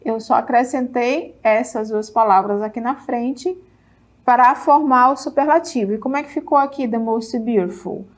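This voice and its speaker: A middle-aged woman from Brazil with a Brazilian Portuguese accent, teaching an English lesson. She is lively and encouraging, checks in with students often, and says English words slowly and clearly. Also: fairly high pitch. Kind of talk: televised classroom lesson.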